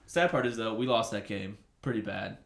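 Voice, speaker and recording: A man in his twenties, a podcast co-host telling a rambling, animated story in casual chat. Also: fairly low pitch, normal speed, creaky. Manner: rambling, animated, shouts out quoted lines. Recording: roomy echo.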